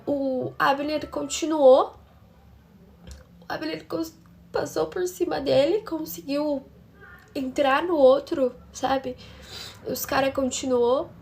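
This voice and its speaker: Uma mulher brasileira que conta de forma dramática uma história pessoal, falando diretamente com as ouvintes. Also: female voice, high voice, vocal fry. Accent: Brazilian Portuguese. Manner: dramatic, talks straight to her listeners. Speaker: storytelling channel host. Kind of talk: emotional first-person storytelling.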